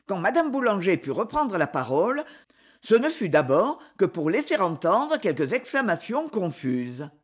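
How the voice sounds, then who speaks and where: Woman narrator, audiobook, dramatic, lively pitch. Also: normal speed, slightly rough. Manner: expressive, dramatic storytelling. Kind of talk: audiobook reading of a classic novel.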